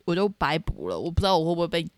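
Animated young woman telling a story. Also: fairly low pitch, racing. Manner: animated, dramatic retelling with shouted quotes. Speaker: podcast co-host. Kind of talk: casual storytelling chat.

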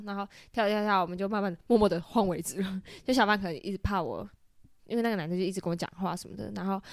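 A woman in her twenties with a Taiwanese Mandarin accent, telling a story in casual chat, animated and full of laughter. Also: medium pitch, no echo, clean studio sound. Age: 20s. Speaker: podcast co-host.

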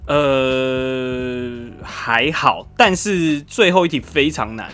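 A man's voice: mid-range voice, slow pace, fairly bright tone, clear, resonant tone, faint music behind. A man with a Taiwanese Mandarin accent hosting a podcast quiz with casual banter. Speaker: podcast co-host running a quiz.

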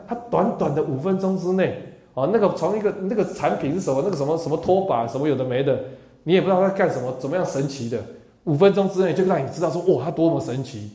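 A middle-aged man lectures a class at a quick clip, his tone mellow and dark. He keeps things chatty, tagging lines with little "哦" sounds and asking the room rhetorical questions. The sound is echoey, as in a lecture hall. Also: mid-range voice. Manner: chatty, peppers speech with "哦" tags and rhetorical questions; animated, acts out quoted remarks. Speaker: university lecturer.

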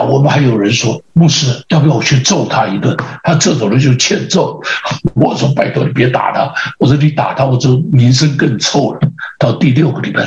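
A male pastor with a Taiwanese Mandarin accent delivers a storytelling sermon and plays out each exchange in his tale. His voice sits at a middle pitch and sounds roomy. The audio is a little dull. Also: slight background noise. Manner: lively anecdotal, acts out dialogue.

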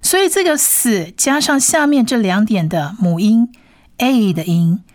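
A woman teaching a language lesson who patiently repeats each sound slowly several times. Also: medium pitch, expressive, darkish tone, dry recording, studio quality.

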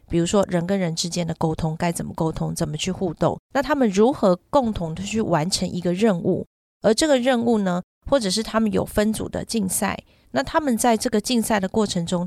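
On a podcast, a middle-aged woman who is a parent and runs children's summer camps talks casually, explaining at length with examples. Her mid-range voice comes through in clean studio sound with no echo.

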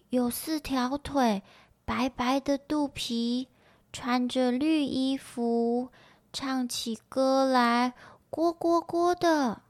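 Tadpole children, eager and shrill, put on by a woman reader; close dry storybook read. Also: dry recording. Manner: high, calling out excitedly.

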